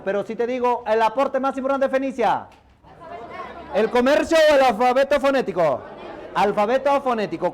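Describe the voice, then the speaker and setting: Man quizzing a class, high voice. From Peru. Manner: rapid quizzing, answers his own questions in a lower voice. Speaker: teacher. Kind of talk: exam review class, question and answer. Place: classroom with students.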